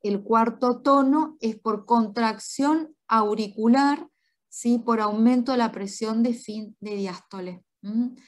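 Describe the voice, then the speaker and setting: A woman doctor giving a spoken medical lecture, explaining step by step and checking in with quick tag questions. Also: fairly high pitch.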